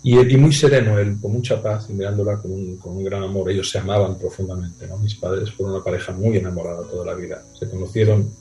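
A man on a video call speaking thoughtfully with frequent pauses and tag questions. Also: sits low, level tone, mellow, reverberant, poor audio. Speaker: guest. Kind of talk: reflective conversation.

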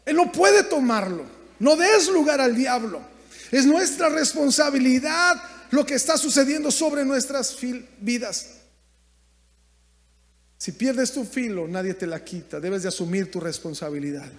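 A man preaching a sermon as pastor, in impassioned bursts that drop to quiet asides. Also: very high-pitched, lively intonation, a little slow. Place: church sanctuary. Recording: long hall reverb.

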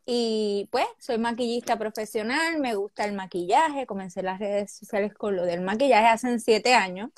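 Soft-spoken Puerto Rican woman, candid. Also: fairly high pitch, normal speed, hardly any pauses, no echo, studio quality. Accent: Puerto Rican Spanish. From Puerto Rico. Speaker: guest. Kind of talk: casual interview chat.

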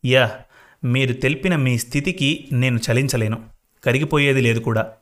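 A man voicing a calm, self-assured young male job candidate who speaks casually and easily. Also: mid-range voice, normal speed, lightly acted. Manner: easygoing, casual with English words.

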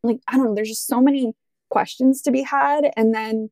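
A woman's voice: fairly high pitch, steady tone, normal speed, a little mellow, no echo. A woman co-hosting a podcast in casual chat, rambling and enthusiastic with many fillers. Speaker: podcast co-host.

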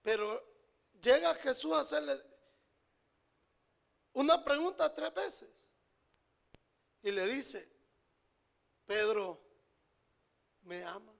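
A male pastor delivers a sermon in a strikingly high, gravelly voice. He preaches at an unhurried pace, repeating phrases for emphasis and moving between loud outbursts and hushed asides. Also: lively intonation.

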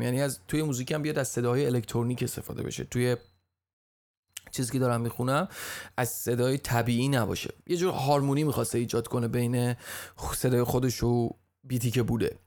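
Gravelly man telling a story casually. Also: medium pitch, a little mellow. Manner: chatty, stumbles and restarts, jokes aside. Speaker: podcast host.

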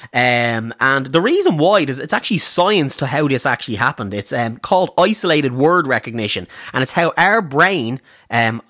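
A man's voice: medium pitch, fairly bright tone, no echo, clean studio sound. Chatty male podcast host. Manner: chatty, frequent ums and restarts, jokey asides. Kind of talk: casual storytelling monologue.

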